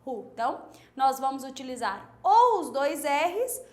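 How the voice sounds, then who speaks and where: A woman teacher with a Brazilian accent giving an online lesson, slowly drawing out and repeating words to model pronunciation. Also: high-pitched, big pitch swings, darkish tone, reverberant. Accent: Brazilian Portuguese. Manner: slow, drawn-out didactic speech, repeating words for pronunciation.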